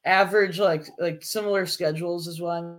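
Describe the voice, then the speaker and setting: A man's voice: high voice, steady tone, a little fast. A teenage boy co-hosting a casual podcast, rambling with lots of fillers and restarts. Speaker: podcast co-host. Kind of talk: casual chat.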